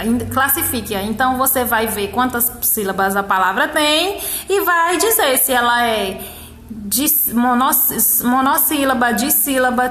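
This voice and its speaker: A woman teacher with a Brazilian Portuguese accent, explaining a workbook lesson to young children and counting syllables slowly one by one. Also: sits high, sharp tone, roomy sound. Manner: slow, syllable-by-syllable counting, encouraging. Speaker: primary school teacher.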